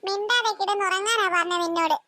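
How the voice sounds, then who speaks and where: A woman voicing a bossy older sister in a cartoon, a young girl with a high child voice who snaps at her little brother. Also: fast, sharp tone, a little hiss or hum. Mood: scolding. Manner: bossy, snappy. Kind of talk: cartoon voice acting.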